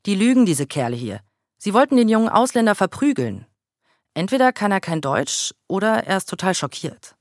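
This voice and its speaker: A man voicing indignant women who loudly scold attackers in a read-aloud story. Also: sits high, very animated, normal speed, dry recording, clean studio sound. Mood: insistent. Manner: scolding, outraged.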